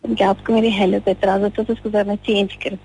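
A woman's voice: medium pitch, level tone, brisk, a little mellow, husky, faint music behind. A woman calling in over the phone and giving health tips, earnest and instructive with some hesitant restarts. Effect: heard over a phone line. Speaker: caller.

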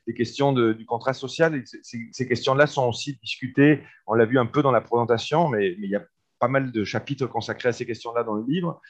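A man's voice: mid-range voice, brisk. A man from Argentina, a seminar discussant commenting on a book, speaking hesitantly with many fillers and restarts.

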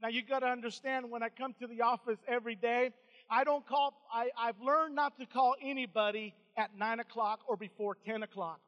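A man's voice: extremely high pitch, steady tone, brisk, muffled recording. A man preaching a fervent sermon in a church, repeating phrases, stumbling over restarts and adding amens. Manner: stammering restarts. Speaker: pastor. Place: church sanctuary. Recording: long reverb of a church hall.

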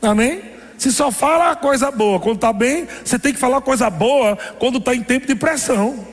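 A man's voice: very high voice, normal speed, long reverb tail. A man preaching an emphatic sermon as pastor, often laughing between phrases.

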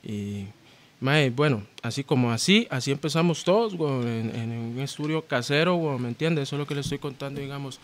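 A man's voice: mid-range voice, lively intonation, fairly quick. A man with a Costa Rican accent, a guest rapper telling stories in easygoing, slang-heavy podcast chat.

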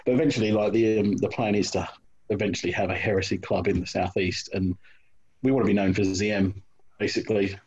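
Husky low-voiced man, casual chat. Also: steady tone, a little fast, darkish tone. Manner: hesitant, many ums and restarts. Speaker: hobby wargamer guest. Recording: dull lo-fi audio.

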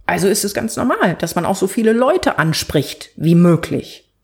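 A woman's voice: mid-range voice, big pitch swings, moderate pace, creaky, darkish tone. A woman hosting a podcast, presenting and chatting in a structured, explanatory way with vivid examples. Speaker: podcast host.

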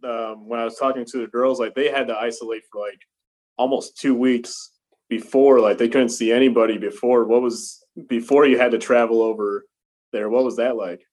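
A man of middle pitch hosting a casual interview. His questions come out halting, with frequent fillers and self-corrections before he gets to the point. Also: steady tone, a little mellow.

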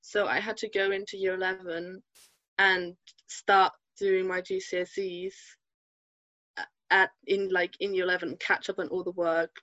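A woman's voice: fairly low pitch, level tone, moderate pace, fairly bright tone, dry recording, muffled recording. A woman in her twenties from Germany, a podcast guest chatting casually and hesitantly, full of fillers and restarts. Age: 20s. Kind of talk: casual interview chat.

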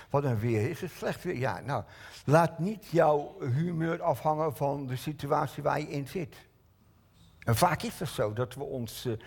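A man's voice: mid-range voice, creaky, a little mellow, slightly rough. An older man preaching a sermon in a church hall, talking straight to his listeners and asking them many rhetorical questions.

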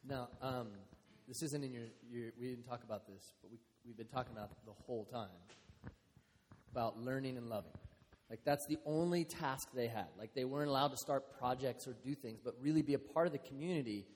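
A man's voice: mid-range voice, brisk, a little mellow, slight background noise. A man leading a group discussion in an earnest way, repeating key phrases. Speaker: discussion leader. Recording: reverberant room.

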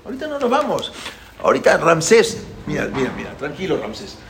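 A man doing a calm, firm prophet. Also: fairly high pitch, a little fast, vocal fry, a crowd in the background, full character voice. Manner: soothing, steady reassurance. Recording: echoey room, faint background noise.

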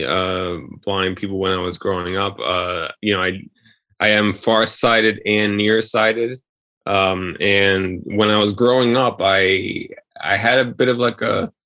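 A man gives casual interview answers at a slow pace. His voice sits fairly low and is closely recorded and dry. He pauses mid-sentence and rambles as he goes. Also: pushed and bright, no room sound. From Queens, New York. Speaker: interview guest, filmmaker.

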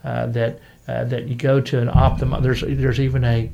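A man with a gravelly, creaky voice talks in a relaxed, folksy way. He circles back on himself often, restarting phrases and filling gaps with "uh" as he works his point out loud. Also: mid-range voice, dull audio. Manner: rambling, halting with many restarts and fillers. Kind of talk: casual radio chat.

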